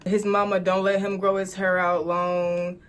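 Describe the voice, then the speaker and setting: A woman in her twenties telling a story to camera, animated and laughing as she talks straight to viewers. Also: lowish voice, a little slow. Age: 20s.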